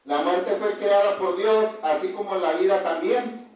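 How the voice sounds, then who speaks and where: High-voiced preacher in an echoey hall. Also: male voice, unhurried, a little mellow. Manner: conversational preaching, keeps asking the congregation questions and adding "hermanos". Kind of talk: sermon. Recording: very echoey room heard from a distance.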